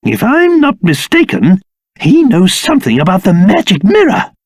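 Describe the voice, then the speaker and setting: An actor playing a fussy, pompous old king in a video game, theatrical and quick to bluster or dote. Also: high voice, huge pitch swings, a little mellow, no echo, studio quality, full character voice. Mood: musing, pompous.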